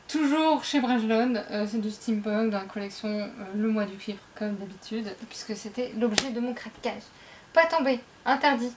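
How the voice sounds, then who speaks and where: A woman's voice: fairly high pitch, a little hiss or hum. A young woman casually showing off a book haul to her camera at home, rambling and often correcting herself. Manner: rambling, self-interrupting, chatty. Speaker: book vlogger. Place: indoors at home, dim light. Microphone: camera facing her.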